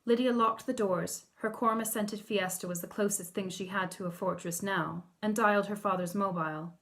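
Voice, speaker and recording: Female author-narrator, audiobook reading, measured and expressive. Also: medium pitch. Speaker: author reading her novel.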